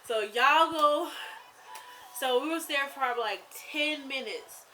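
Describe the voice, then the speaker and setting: A young woman vlogging, telling a scary story in a rambling, animated way with lots of fillers. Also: sits high, takes it slowly, slight background noise, rough recording. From rural US South. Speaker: YouTuber. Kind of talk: casual storytelling vlog.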